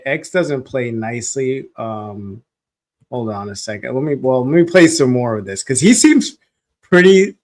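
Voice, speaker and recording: A man's voice: mid-range voice, a little mellow. A man hosting a casual live reaction stream, rambling with restarts and laughing between phrases, at a desk microphone.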